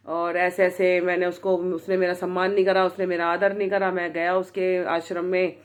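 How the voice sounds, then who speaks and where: A woman's voice: fairly low pitch, flat delivery, normal speed, lightly acted. A woman voicing an arrogant, angry male politician who blusters and threatens in a told story. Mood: angry boastful.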